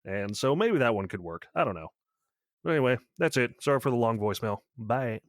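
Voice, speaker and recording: A man's voice: mid-range voice, expressive, brisk, no room sound, studio quality. A man leaving a long, rambling voicemail for a podcast, talking casually with lots of filler sounds. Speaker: caller to a podcast.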